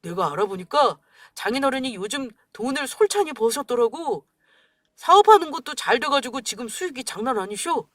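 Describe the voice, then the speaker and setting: A woman's voice: high-pitched, lively intonation, brisk, dry recording, studio quality. A woman voicing a weak grown son and husband who stammers and pleads, in a dramatized radio story. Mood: eager.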